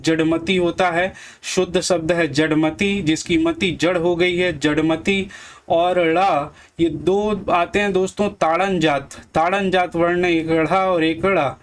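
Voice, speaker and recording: A man teaching Hindi grammar for exam prep, slowly repeating each word and quizzing his viewers. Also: sits high.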